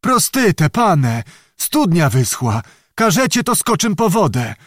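A man's voice: high voice, big pitch swings, takes it slowly, no echo, studio quality, pitched above the performer's own voice, exaggerated voice. A man voicing frightened, humble horse herders who plead submissively in a storybook.

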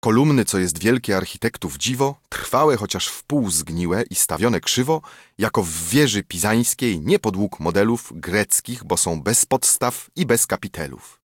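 A man reading epic verse aloud as an audiobook narrator, in a measured, rhythmic recitation. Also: lowish voice, animated, slightly rough, dry recording, clean studio sound.

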